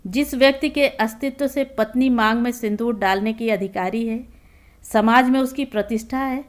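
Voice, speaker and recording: A woman narrating a literary short story aloud in a calm, even storytelling manner. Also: fairly high pitch.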